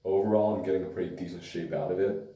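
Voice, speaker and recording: Moving at a quick pace, a man reviews a pomade in a loose, relaxed ramble, leaning on hesitant fillers. His voice is hoarse, tired and nearly lost, but still very low, dark and mellow. The echoey room and distant mic are audible.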